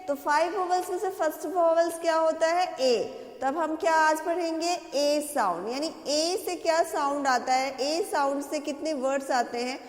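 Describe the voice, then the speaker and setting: A woman teaching a phonics lesson to young children, drawing out each sound and quizzing the class again and again. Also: sits high. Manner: slow, drawn-out, repeats and quizzes the children. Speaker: kindergarten teacher. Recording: echoey hall.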